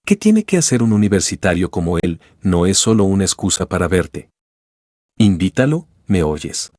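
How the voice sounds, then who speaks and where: A proud, angry middle-aged mother from a novel audiobook, read by a man in a low voice. She scolds with stern questions. The sound is dry and close. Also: big pitch swings, moderate pace, a little mellow, no echo. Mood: scolding.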